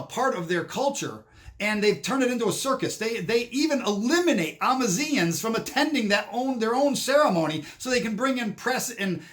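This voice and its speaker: A man's voice: high-pitched, fairly bright tone. A man giving a rambling monologue commentary, often restarting and repeating himself.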